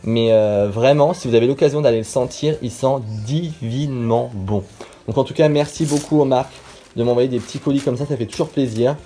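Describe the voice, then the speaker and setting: Casting: young male vlogger, warm mellow tone, chatty and excited, filmed on a camera at home. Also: mid-range voice, fast. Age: 20s. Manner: chatty, enthusiastic, lots of fillers. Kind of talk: casual vlog chat to camera. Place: small bathroom at home, resonant.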